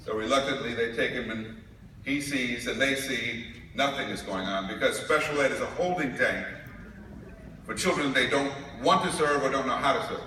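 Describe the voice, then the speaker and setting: Giving a keynote in a large conference hall, a man from New York tells stories with humor in a medium-pitched voice that sounds pushed and bright, at a moderate pace. The recording is noisy and echoey, captured from a distance.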